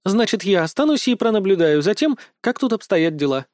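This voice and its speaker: A man's voice: high-pitched, very animated, fairly quick, darkish tone, no echo, clean studio sound, voice pushed up. A man voicing a clingy wolf girl. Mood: sly. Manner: mischievous.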